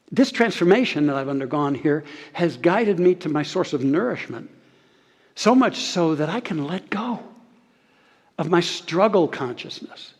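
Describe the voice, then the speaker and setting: A man preaches in a large church sanctuary, his voice sitting a bit higher than most. He moves between strong, raised lines and soft, hushed ones, with dramatic pauses. A long reverb trails behind every phrase. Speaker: pastor. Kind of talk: sermon.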